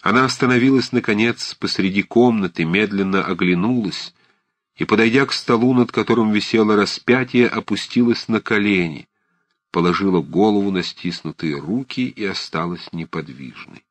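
A man narrating a classic novel for an audiobook in a measured, expressive storytelling manner. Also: fairly low pitch, no room sound.

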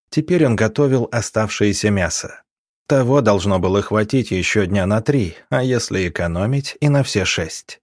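Man reading an audiobook, lowish voice, measured, dry close mic. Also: no echo. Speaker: narrator. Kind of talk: audiobook narration.

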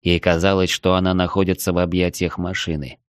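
A man reading an audiobook in a measured, even storytelling manner. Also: deep voice, clean tone, no room sound, studio quality. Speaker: audiobook reader. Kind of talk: audiobook narration.

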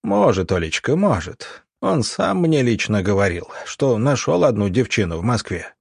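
A man voicing a smug, scheming military doctor who wheedles and snarls, with a husky voice. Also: medium pitch, very animated, moderate pace, darkish tone, no room sound, studio quality, exaggerated voice. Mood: wheedling.

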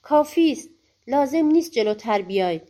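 A woman voicing a frightened king in a storybook, shouting and pleading. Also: fairly high pitch, lively intonation. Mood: panicked. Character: frightened old king, male.

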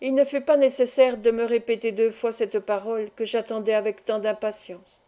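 A woman reading a classic novel aloud as an audiobook, in steady, measured storytelling. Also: fairly high pitch. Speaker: audiobook reader. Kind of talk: scripted narration of a novel.

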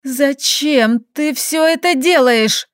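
A woman's voice: sits high, expressive, slow pace, a bit bright, no echo, studio quality, pitched above the performer's own voice, heavily acted. A woman voicing a hurt, furious young heroine who speaks in tearful, accusing outbursts in an audiobook.

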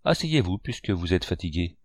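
A stern, curt ship's captain, played by a male narrator, issuing commands in clipped phrases. The voice sits higher than the reader's own and moves lively. The recording is dry. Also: a little fast, dry recording.

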